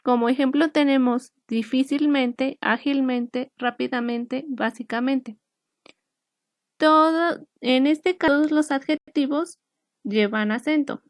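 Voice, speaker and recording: A woman teacher explaining a lesson in a clear, measured way, sometimes restarting a phrase. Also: high voice, no echo. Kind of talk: recorded online lesson. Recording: dry, slightly muffled recording.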